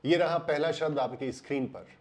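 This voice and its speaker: An Indian man explaining English pronunciation in a voice-over lesson, slowing down and drawing out words to stress them. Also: a little high.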